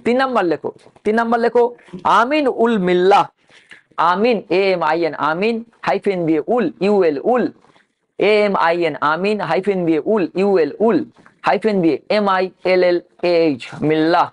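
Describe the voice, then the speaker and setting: A man's voice: high voice, moderate pace. A male history teacher giving an exam-prep lecture, dictating names letter by letter and asking and answering his own questions.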